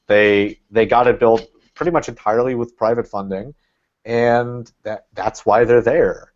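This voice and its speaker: A man's voice: on the low side, a little mellow. A man talking as a podcast guest in casual chat, rambling and thinking aloud with lots of fillers. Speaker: guest, Red Bulls fan. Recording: dull lo-fi sound.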